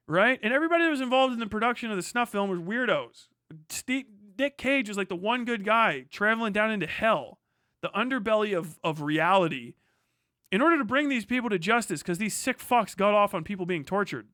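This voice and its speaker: A streamer reacts live to a news video, reading out passages and launching into rants, blunt, outspoken and swearing freely. His voice is high, pushed and bright, captured in a clean studio sound with no room noise.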